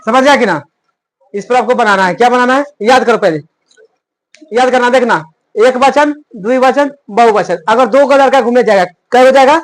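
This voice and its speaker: A man's voice: very high voice, normal speed. Guy teaching sanskrit grammar, asks then answers himself over and over, rustic plain talk. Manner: drills by repeating questions and answers to himself. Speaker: Sanskrit tutor. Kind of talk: classroom grammar lesson.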